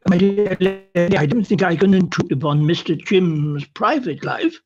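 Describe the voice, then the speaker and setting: A woman's voice: on the low side, lively intonation, normal speed, darkish tone, highs cut off, soft background music. A woman playing a mild, polite clergyman in a stage play reading, flustered and hesitant. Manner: hesitant, deferential.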